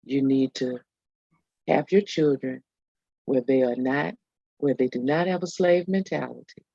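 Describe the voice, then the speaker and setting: Slow, gravelly-voiced woman podcast host. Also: a bass voice, warm tone, dry recording, dull audio. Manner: emphatic, addresses listeners as y'all. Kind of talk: casual podcast talk.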